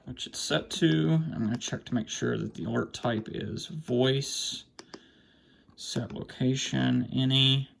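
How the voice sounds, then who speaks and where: There's a steady tone to this man's creaky, mid-range voice as he gives a halting, casual show-and-tell of his weather radio collection. He half talks to himself, muttering while handling the gear, indoors in a small cluttered room at home. Faint background noise, clicks, and handling sounds come through.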